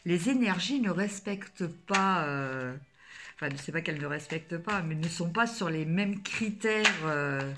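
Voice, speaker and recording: A woman's voice: fairly low pitch, expressive, measured pace, background noise. A woman from France reading tarot cards for her viewers, in a casual, hesitant way, full of fillers and restarts. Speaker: tarot card reader.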